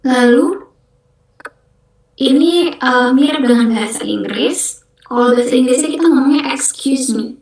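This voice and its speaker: A young woman teaching a beginner online language class, explaining slowly and patiently and repeating each word carefully. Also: high-pitched, vocal fry, a little mellow, echoey room, low-quality recording. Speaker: French language mentor.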